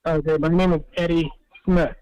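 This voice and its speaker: A man's voice: on the high side, steady tone, normal speed, darkish tone, a little hiss or hum. Muffled man, as if through a wall. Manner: hesitant, many fillers. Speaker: city human resources director. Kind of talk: answering questions at a public meeting. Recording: muffled dull remote audio.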